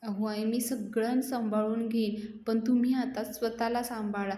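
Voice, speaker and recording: A woman voicing a calm young woman who gently reassures her mother-in-law, in an echoey room. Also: a little high, a little slow, lightly acted. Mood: soothing.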